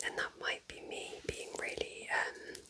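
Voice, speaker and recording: Whispering breathily without voicing, an ASMR creator recommends books in an unhurried, gentle, informal, and chatty way.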